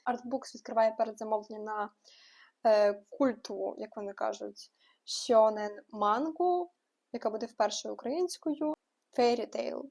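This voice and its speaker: A young woman hosting a book news vlog, running through new releases with quick asides and frank opinions. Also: on the high side, creaky, a little mellow. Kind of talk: casual book news roundup.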